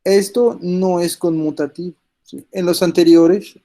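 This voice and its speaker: Math teacher with a cold. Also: male voice, high-pitched, fairly even intonation, unhurried, mellow, low-quality recording. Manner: explains step by step, constantly checking in with students. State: slight cold with coughing. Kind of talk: recorded class lecture.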